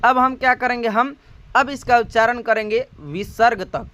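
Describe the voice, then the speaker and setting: A man with a Hindi accent teaching the Hindi syllable chart in a slow classroom manner, drawing out each sound and asking rhetorical questions. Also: very high-pitched, fairly even intonation, fairly bright tone, clean tone. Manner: drawn-out spoken syllables, repeated rhetorical questions.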